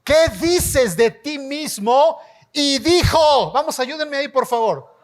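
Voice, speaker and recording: A man preaching a sermon as pastor, leading his congregation in call-and-response and rising to shouts. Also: very high-pitched, lively intonation, noisy background. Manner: slow, emphatic delivery, rising to shouts. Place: church hall before a congregation.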